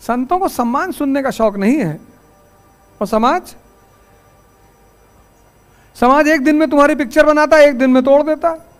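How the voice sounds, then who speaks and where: A man lectures his students in a high-pitched voice, moving from wry anecdotes to pointed rhetorical questions. When he sets the rules of his class, he turns firm and commanding. It has the tone of a motivational classroom talk. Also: moderate pace, long pauses. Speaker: teacher addressing a class.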